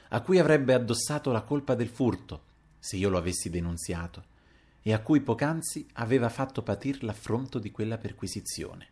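Reading a classic novel as an audiobook, a man narrates in a measured, expressive way with a fairly low pitch.

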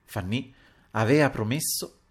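A man narrating a classic novel as an audiobook, measured and expressive. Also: mid-range voice, husky.

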